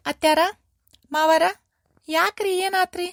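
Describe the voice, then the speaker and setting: A woman's voice: very high voice, fairly even intonation, takes it slowly, dry recording, studio quality, heavily acted. A woman voicing a polite young daughter-in-law in a cartoon, pleading respectfully in a North Karnataka accent. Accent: North Karnataka Kannada.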